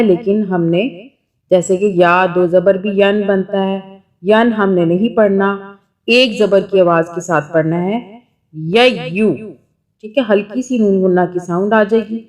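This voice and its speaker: A woman from Pakistan, a Quran teacher, giving a recorded reading lesson, explaining step by step and sounding out syllables slowly and patiently. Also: mid-range voice, darkish tone.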